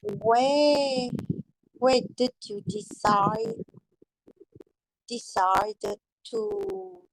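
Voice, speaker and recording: A woman's voice: a little high, very animated, very slow, gravelly, rough recording. A woman learning English, speaking hesitantly and repeating words as she gropes for phrases. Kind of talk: practicing English aloud in a lesson.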